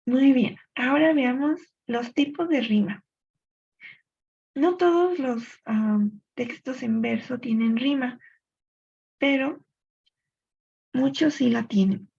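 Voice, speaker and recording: A woman teacher explains poetic rules step by step, stopping now and then to think aloud. Her voice sits a little high, with a gravelly, husky edge. The recording sounds dull and lo-fi. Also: a little mellow. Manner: clear explanatory pace with thinking-aloud pauses. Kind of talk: recorded literature lesson.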